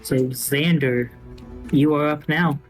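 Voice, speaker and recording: A man narrating a tabletop role-playing game as game master, in a casual, halting way. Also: a little high, steady tone. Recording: faint music behind the voice. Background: music.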